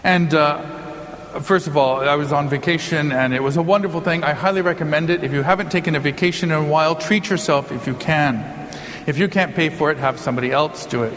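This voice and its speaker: In a reverberant hall with long echo, a priest preaches an informal sermon to a live congregation, chatting and tossing in jokes. His voice is a little high and fairly bright, and he talks fairly quickly.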